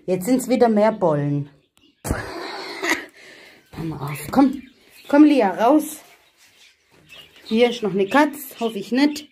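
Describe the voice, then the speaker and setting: Slow-talking German woman vlogging with animals. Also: mid-range voice, noisy background. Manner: chatty, coaxing pets with pet names. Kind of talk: casual vlog talking to viewers and animals. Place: outdoors in a hot village yard with animal pens.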